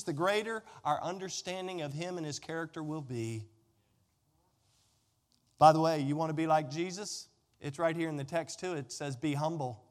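A man with a high, fairly bright voice preaches a sermon to his congregation. He speaks emphatically as a pastor, using folksy direct address and repeated phrases. The large indoor hall is reverberant, with a long echo.

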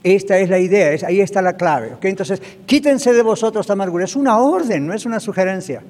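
High-voiced pastor preaching. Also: male voice, quick pace, darkish tone, big-room sound. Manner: emphatic, asks the congregation "¿ok?" and "¿ven?" often. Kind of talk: sermon. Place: church hall, also broadcast on radio.

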